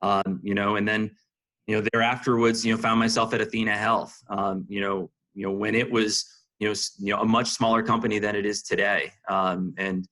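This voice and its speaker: A senior marketing executive being interviewed answers conversationally, explaining things with plenty of "you know." His voice is fairly low, forceful and bright, with little pitch movement and a fairly quick pace.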